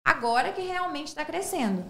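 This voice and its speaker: A young woman, a fluent and lively storyteller, chatting as a guest on a talk show. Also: sits high, normal speed, reverberant. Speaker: guest entrepreneur. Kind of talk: casual talk show chat.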